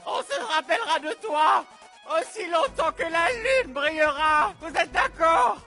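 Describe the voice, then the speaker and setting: A man's voice: extremely high pitch, expressive, measured pace, sharp tone, soft background music, full character voice. A man voicing a mourner in a dubbed cartoon, lamenting in an overdone way. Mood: mock grief.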